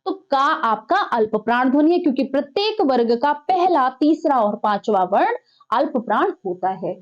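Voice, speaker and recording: A woman's voice: high-pitched, sing-song, moderate pace, dull audio. A woman teaching an exam-prep lesson, putting questions to the class and then answering them herself. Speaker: Hindi teacher.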